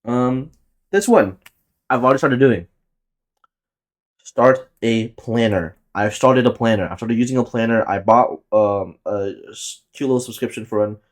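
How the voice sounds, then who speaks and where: A Tagalog-native man just shy of twenty talks at a measured pace in a medium-pitched voice. Hosting his podcast solo, he drifts from topic to topic, curses freely, and laughs at his own jokes.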